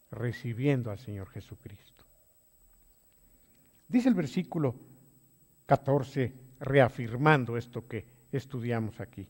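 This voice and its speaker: A man leading a Bible study as a pastor, swinging between quiet low phrases and loud emphatic exhortations. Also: big-room sound. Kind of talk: sermon-style Bible study.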